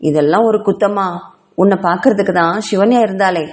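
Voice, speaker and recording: A woman's voice: mid-range voice, a little fast, a little mellow, close to an everyday voice. A woman reads a lazy, jealous young student from a spoken storybook. She talks in an offhand, mocking way.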